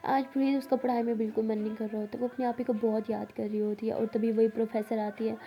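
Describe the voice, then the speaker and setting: A woman's voice: a little high, little pitch movement, fast talker, lo-fi sound. A woman narrating a love story casually, retelling each turn with many "she says".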